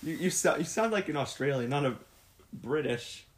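A man's voice: on the high side, expressive, moderate pace, a crowd in the background. A young man co-hosting a casual chat with friends, asking questions, moving topics along and laughing often. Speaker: podcast co-host.

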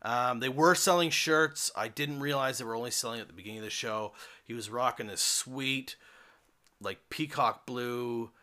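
A man's voice: mid-range voice, normal speed, sharp tone. A man hosting a podcast alone, giving a casual, rambling review with many fillers and restarts. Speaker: podcast host.

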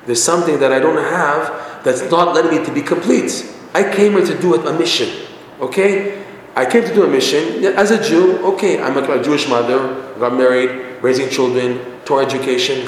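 A man teaching a religious lesson through a story, conversational with frequent restarts. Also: medium pitch. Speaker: Torah teacher. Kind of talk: storytelling sermon. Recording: echoey hall, faint noise.

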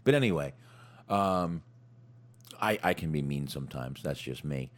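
A man with a very low, deep voice chats casually as a wrestling podcast co-host. He talks bluntly, swears freely and rambles through restarts. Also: expressive, a little slow. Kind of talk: casual crude chat.

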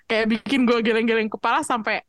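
A woman hosting a casual film chat, expressive and chatty, slipping English phrases in. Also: fairly high pitch, brisk, no room sound. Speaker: podcast host asking questions.

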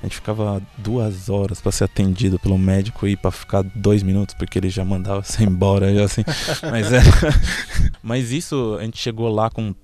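Low-voiced São man, searching. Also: little pitch movement, normal speed, darkish tone. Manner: searching for words, repeats himself. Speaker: panel guest. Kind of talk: casual discussion.

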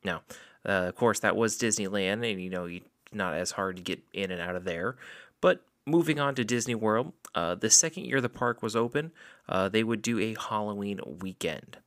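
A man's voice: fairly low pitch, moderate pace, a bit bright. A man from Florida with an American accent, talking casually and informatively as a podcast host. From Florida, USA.

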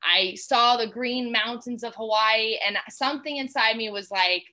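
Bubbly, bright-voiced young woman. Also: a little high, moderate pace. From Georgia, USA. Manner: bubbly, chatty, many fillers like "like". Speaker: guest. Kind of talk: casual interview chat.

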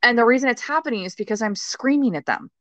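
A woman guest on a podcast, talking intensely and swearing freely, now and then bursting into shouted quotes. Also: on the high side, lively intonation, fast, no room sound, highs cut off. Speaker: podcast guest, rage coach. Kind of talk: emphatic interview talk.

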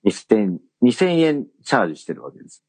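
A man's voice: lowish voice, big pitch swings, a little fast, a little mellow, breathy edge, no room sound. A man co-hosting a podcast, telling an anecdote in casual chat, rambling with many fillers and restarts. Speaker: podcast co-host.

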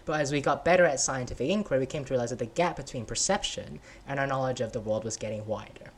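A man's voice: medium pitch, quick pace, lightly acted. A man voicing a patient male scientist in a children's story he reads aloud, explaining how the world is built, with many "right?" and "sort of" fillers.

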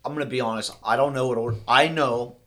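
Young man, podcast co-host, casual chat, middle pitch, profane, rambling. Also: steady tone, quick pace, a crowd in the background. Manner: profane, rambling, trails off quietly.

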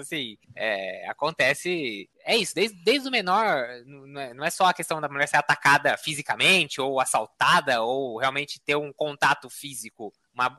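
A man chatting on a podcast in a lively, joking and emphatic way. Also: mid-range voice, no echo. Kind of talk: casual chat.

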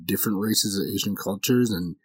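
A man's voice: lowish voice, fairly quick, husky, dry recording. A man hosting a casual comedy podcast, earnest and talking things through, acting out other people's reactions. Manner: earnest, acts out quoted reactions. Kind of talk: casual chat.

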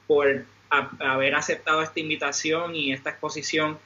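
Guy w moderating, kinda high flat voice, halting, polite, slightly muffled. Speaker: panel moderator. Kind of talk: moderating, closing remarks.

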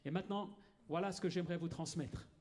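Man, live sermon interpreter, quick, self-correcting, slightly high voice. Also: steady tone, darkish tone. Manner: quick, repeats and rephrases.

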